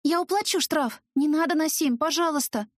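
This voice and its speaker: A woman's voice: sits high, normal speed, dry recording, clean studio sound, voice pushed up, natural voice. A woman reading an audiobook, voicing a timid, flustered young heroine who stammers nervously. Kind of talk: audiobook character voice.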